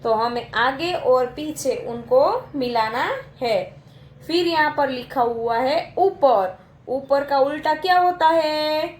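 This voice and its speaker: A woman's voice: high voice, slow. A woman teacher patiently walking young children through a workbook lesson, repeating each answer aloud. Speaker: school teacher.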